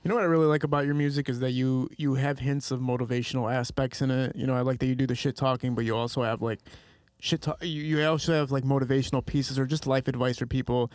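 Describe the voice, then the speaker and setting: A young male podcast host talks fast and chatty in a mid-range voice, casually dropping curse words. His voice sounds dry and close to the microphone. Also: mid-range voice, fairly even intonation, darkish tone, no room sound. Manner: quick, chatty, cheerfully profane. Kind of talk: casual interview chat.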